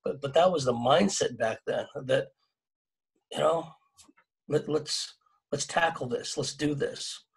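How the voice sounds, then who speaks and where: A man's voice: on the high side, unhurried, gravelly, pauses often, husky, poor audio. A middle-aged man from California speaking earnestly on a video-call panel, restarting phrases often and adding "right?" tags. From California, USA. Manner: earnest and exhorting, many restarts, tag questions. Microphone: webcam mic on video call.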